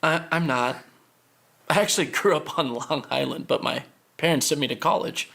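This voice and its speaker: A man playing a blunt, deadpan activist in a comedy sketch. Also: fairly high pitch, normal speed, gravelly. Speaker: sketch actor. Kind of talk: satirical sketch acting.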